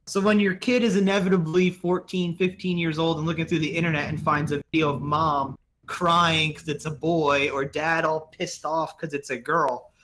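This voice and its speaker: A man's voice: a little high, flat delivery, moderate pace, fairly bright tone, a little hiss or hum. A young man co-hosting a podcast, ranting and joking in loose, profane casual chat. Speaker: podcast co-host.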